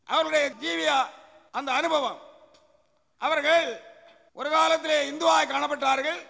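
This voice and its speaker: A male pastor delivers an emphatic, repetitive sermon with a very high, gravelly voice. His speech rings out with a long reverb, as if from a church hall. He keeps asking rhetorical questions and answering them. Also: pushed and bright. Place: church sanctuary.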